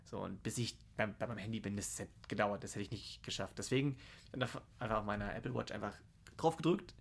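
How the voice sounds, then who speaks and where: Gravelly, husky young man chatting. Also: fairly low pitch, quick pace. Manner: rambling, swears, laughs often. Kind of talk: casual chat.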